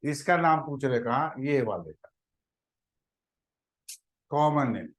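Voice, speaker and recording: A man teaching a chemistry class, pausing to scold and prod his students to answer. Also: mid-range voice, animated. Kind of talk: classroom lecture.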